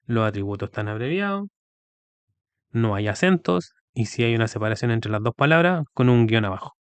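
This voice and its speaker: A man's voice: medium pitch, lively intonation, brisk, clean tone, no room sound. A man giving a recorded video lecture, explaining step by step and often checking with the students. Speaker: teacher.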